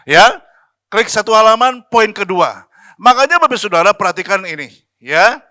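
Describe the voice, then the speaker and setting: A man's voice: sits high, expressive, moderate pace, sharp tone, dry recording, clean studio sound. A man preaching a sermon as pastor, talking in a chatty, slangy way and asking the congregation questions. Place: church.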